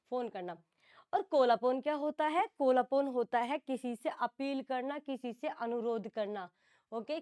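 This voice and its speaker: A woman's voice: sits high, darkish tone. A woman teacher running an online exam-prep class, calling on students by name and repeating each word with its Hindi meaning. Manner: explains phrasal verbs, calls on students by name, repeats words in English and Hindi.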